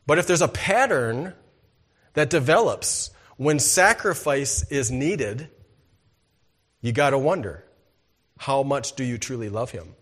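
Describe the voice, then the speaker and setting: A man preaching a sermon in church, asking rhetorical questions and calling for "amen", moving between loud emphatic lines and quiet low asides. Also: expressive, slow pace, pauses often. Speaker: pastor.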